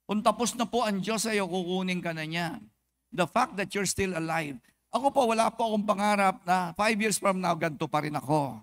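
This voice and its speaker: A man with a Filipino accent, a pastor preaching an animated sermon at a church service and acting out quick comic exchanges. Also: sits high.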